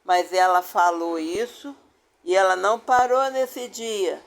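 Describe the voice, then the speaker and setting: A woman's voice: mid-range voice, takes it slowly. An older woman with a Brazilian accent telling her own family story as a personal testimony, stressing her points by repeating phrases. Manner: emphatic, repeats phrases for weight.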